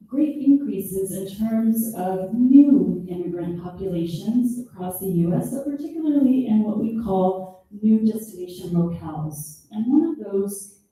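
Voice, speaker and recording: A woman presenting her research at an academic conference. She speaks in a measured, explanatory way and draws out key terms. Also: medium pitch, mellow. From born in Peru, raised in the United States. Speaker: special education professor presenting research. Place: conference hall. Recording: echoey room, voice distant from the mic.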